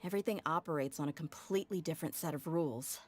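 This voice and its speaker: Talking fast in a low-pitched female voice, an actress portrays a tough mercenary leader in a game cutscene. The character is blunt, frank, and guarded, peppering her lines with casual slang.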